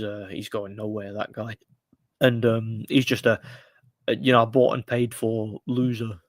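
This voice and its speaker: On a casual live stream, a man in his thirties from the United Kingdom rambles about boxing, often restarting and using fillers as he offers blunt, frustrated takes. He's the host, speaking at medium pitch with no echo.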